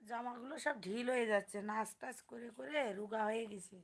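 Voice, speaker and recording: A woman streaming live, talking casually with mock self-pity and begging viewers to comment, her voice hoarse from crying. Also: a little high, steady tone, a little fast.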